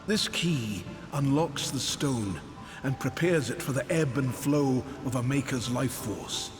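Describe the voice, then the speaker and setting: Man as a slow, grave old sage. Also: medium pitch, lightly acted. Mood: grave, weary. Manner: solemn, deliberate. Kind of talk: dramatic fantasy game dialogue. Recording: long reverb, music behind.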